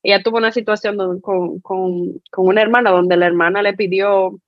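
A woman co-hosting a podcast, sharing personal reflections in a thoughtful, unhurried way with many fillers and restarts. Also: mid-range voice, fairly even intonation, dry recording, highs cut off. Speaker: podcast co-host.

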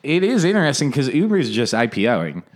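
A man co-hosting a podcast, dry and quick to agree in casual chat. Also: mid-range voice, wildly swooping pitch. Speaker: podcast co-host.

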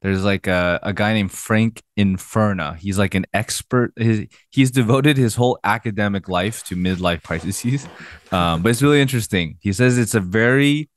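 A man in his early thirties speaks in a fairly low voice as a pastor co-hosting a podcast. He talks casually and curiously, asking follow-up questions. The sound is dry and close. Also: normal speed, no echo. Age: 30s. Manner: inquisitive, asks guests follow-up questions. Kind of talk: casual faith podcast discussion.

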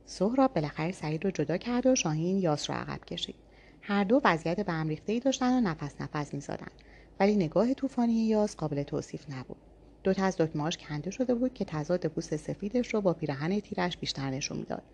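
A woman with a fairly low voice narrating a first-person audiobook. She reads calmly and evenly, keeping a steady tone through the story. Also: breathy edge.

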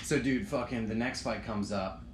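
A young man with a medium-pitched voice tells a rowdy, profane story in casual chat and acts out the loud parts himself. The room has a noticeable echo, and a faint background hum sits under his voice. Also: moderate pace. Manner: animated storyteller, swearing, acting out shouts. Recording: echoey room with some noise.

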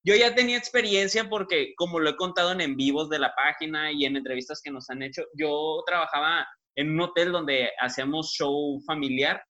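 A man speaks as an interview guest. His voice is a touch high and bright, with a forceful edge. He tells stories in a lively, expressive way. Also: a little fast, few pauses, highs cut off. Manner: chatty, expressive storyteller. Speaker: guest, stylist and comedian. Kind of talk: casual interview chat.

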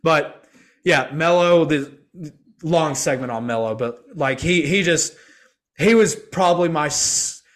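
A young adult man chats casually as podcast host, his voice sitting a little higher than most men's. He rambles, restarts and leans on filler words and slang in easy conversational sports talk. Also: unhurried, fairly bright tone.

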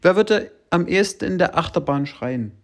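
A woman in casual chat with a friend, teasing and laughing often, sometimes sinking to a quiet murmur. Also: lowish voice, expressive, normal speed. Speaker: co-host.

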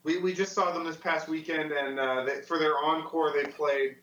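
A man's voice: on the high side, steady tone, moderate pace, a bit bright. A man in a band chatting enthusiastically over a video call, with stumbling restarts. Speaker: band member guest. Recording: distant, roomy, dull video call audio.

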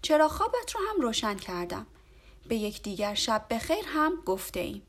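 A woman's voice: on the high side, big pitch swings. A woman doing a firm, tired turtle father. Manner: firm, insistent.

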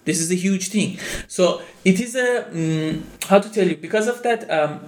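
High-pitched Iranian-accented man, halting explainer. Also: slight background noise. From Iran. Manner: halting, searching for words, repeats phrases. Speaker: interviewee explaining the culture of home country. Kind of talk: casual explanatory chat.

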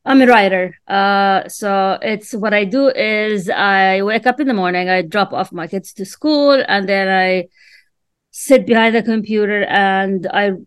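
Interview guest: middle-aged woman from Jordan, first language Arabic, smooth and clear tone, halting speech with lots of fillers, dry close sound. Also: mid-range voice, dry recording. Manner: hesitant, many fillers and restarts. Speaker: author and writer, interview guest. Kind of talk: casual interview answers.

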